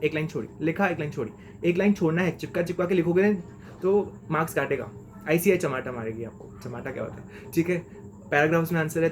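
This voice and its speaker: A man's voice: on the high side, slight background noise. A young man giving a chatty, slangy lesson of exam tips as a mentor. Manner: chatty and slangy, keeps saying "okay?".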